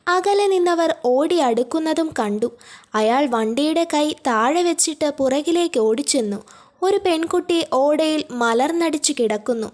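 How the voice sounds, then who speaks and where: A woman narrating a novel as an audiobook reader, in steady scripted storytelling. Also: high voice, a little slow.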